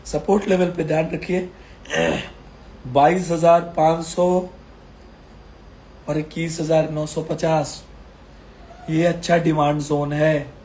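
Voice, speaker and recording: A man's voice: fairly high pitch, dark tone, a little hiss or hum. Unwell man urging long-term buying. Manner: emphatic, repeats phrases, reassuring. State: unwell, throat strained, coughing. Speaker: stock market commentator. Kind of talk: casual market commentary video.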